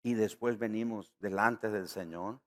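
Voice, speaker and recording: This sermon comes from a Nicaraguan pastor with a steady tone and an unhurried pace. Key words get a rise in pitch and volume, and he voices the people in his stories.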